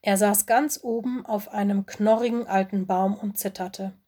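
A woman narrating a children's audiobook in a clear, expressive storytelling voice. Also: mid-range voice, moderate pace.

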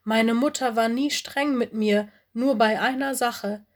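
A woman's voice: fairly high pitch, fairly even intonation, measured pace, close to an everyday voice. A woman voicing Lenny, a sensible male bear cub who speaks in an earnest, level-headed way in a storybook reading.

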